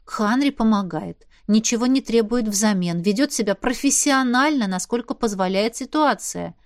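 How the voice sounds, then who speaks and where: A woman with a fairly high voice narrates a novel in the first person, steady and expressive. The recording is close and dry, with no room sound around her. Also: normal speed, no echo. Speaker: audiobook reader.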